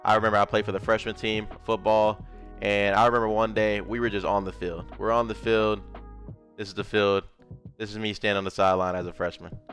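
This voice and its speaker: A young man from Memphis, Tennessee, who creates gaming content, chats casually about his life while drawing, with a Southern accent, rambling, and small sound effects. His voice is on the low side with a fairly bright tone.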